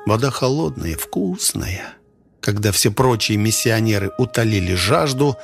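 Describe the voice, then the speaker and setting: A man reading a first-person audiobook in a wry, sardonic manner. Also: lowish voice. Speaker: audiobook narrator.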